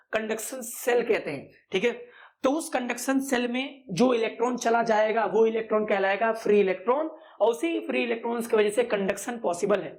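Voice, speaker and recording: Male teacher, lecture style, self-quizzing, repetitive, chatty. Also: very high-pitched. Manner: asks quick questions and answers them himself; repeats key terms over and over. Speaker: physics teacher.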